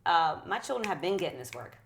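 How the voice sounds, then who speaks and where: A woman's voice: on the low side, big pitch swings, fast, a little hiss or hum. A middle-aged woman, a guest speaker in an interview, talking in a passionate, affirming way with a preacher-like rhythm. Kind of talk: conversational interview.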